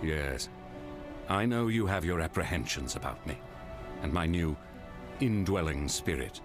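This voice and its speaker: A man's voice: sits low, animated, measured pace. An actor playing a wry, grateful man of faith in video game dialogue, speaking formally and theatrically over game music.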